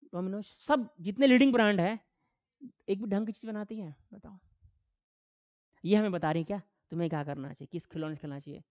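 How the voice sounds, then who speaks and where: A man's voice: sits high, a little fast, long pauses, dry recording, dull audio. A man teaching a classroom lecture, asking his students questions and answering them himself, acting out quoted voices. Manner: animated, acts out quoted voices.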